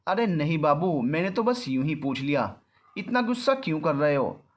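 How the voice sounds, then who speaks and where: A man's voice: fairly high pitch, sing-song, moderate pace. A man voicing an anxious young woman in a storybook reading, apologetic and pleading. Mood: placating. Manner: placating, apologetic. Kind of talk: storybook narration.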